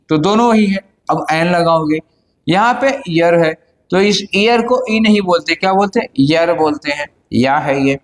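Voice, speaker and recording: Male teacher from India, high-pitched, question-and-answer classroom delivery, lingering hall reverb. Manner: asks and answers his own questions, repeating key words. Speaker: English teacher. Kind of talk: classroom grammar lesson.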